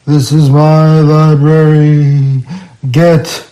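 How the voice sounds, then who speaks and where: A woman voicing a booming vengeful ghost. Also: level tone, warm tone, rough recording. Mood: furious. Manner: bellowing, slow and commanding. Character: booming vengeful male ghost of old library founder.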